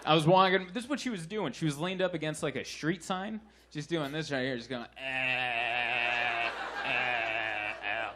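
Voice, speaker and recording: A man doing a stand-up set with deadpan, self-mocking storytelling in a crowded basement comedy room, with audience laughter behind him. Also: on the high side, brisk. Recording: live club recording with crowd noise.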